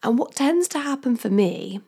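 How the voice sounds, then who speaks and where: A woman career coach hosts her own solo podcast, talking chattily and upbeat straight to the listener and laughing often. Her fairly high, warm, animated voice moves at normal speed and is still slightly croaky from a cold.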